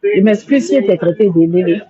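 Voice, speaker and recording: On a livestream, a woman with a medium-pitched, very animated voice talks at normal speed over a background crowd. She rambles and repeats herself while apologizing emotionally. The social media livestreamer comes through in dull, lo-fi phone audio.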